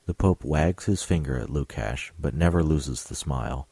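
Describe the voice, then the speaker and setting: A man reading stage directions as narrator of an audio drama in a flat, matter-of-fact way. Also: rumbling low, moderate pace, husky, no echo.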